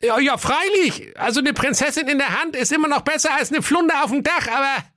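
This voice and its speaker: High, bright-voiced naive youth who fears nothing; comic radio fairy tale, dry studio sound. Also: male voice, fairly quick, dry recording. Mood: cheerful. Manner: squeaky, high and sing-song. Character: naive fearless young man, cheerful and simple.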